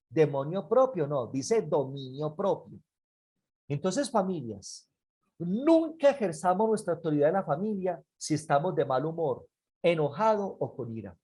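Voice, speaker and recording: Brief: earnest church teacher giving a parenting lesson, pleading tone, repeats points, slows to stress words. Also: medium pitch, darkish tone.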